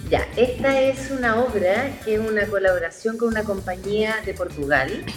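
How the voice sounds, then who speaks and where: Woman guest explaining a play, calm and measured, mid pitch. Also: over music. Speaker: theatre guest. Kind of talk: interview.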